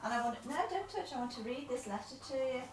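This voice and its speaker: A carer's high-pitched, expressive voice moves at a quick pace as she reads a letter aloud in a room at home, patiently coaxing and encouraging her listener. The casual home video was recorded from a distance, leaving her off-mic in an echoey space.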